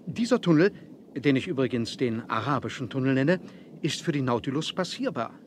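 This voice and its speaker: An actor playing a self-assured submarine captain in a 1970s radio play, speaking in a formal, courteous, measured way. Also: male voice, mid-range voice, animated, a little hiss or hum, close to an everyday voice. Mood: composed, matter-of-fact.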